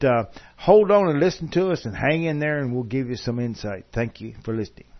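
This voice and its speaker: A man hosting a casual radio interview, rambling with restarts. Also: high-pitched. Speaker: radio host. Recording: dull lo-fi radio recording.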